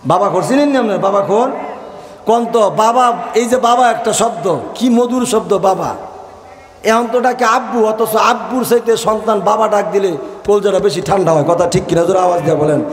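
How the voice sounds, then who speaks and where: A man preaching a waz sermon, chanting and shouting lines and calling on the crowd to answer back. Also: sits high, a little fast. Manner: chanting, shouting refrains, calls crowd to respond. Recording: echoey outdoor PA with long reverb.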